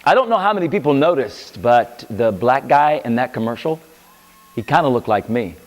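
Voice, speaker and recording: Energetic man hosting a comedy talk show. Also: mid-range voice, moderate pace, big-room sound. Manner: energetic, jokey.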